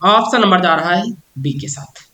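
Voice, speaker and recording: A man teaches an exam-prep lesson in a bright, forceful voice. He poses each question aloud, answers it himself and repeats the key answers slowly so they stick. The sound rings around an echoey room. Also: sits high.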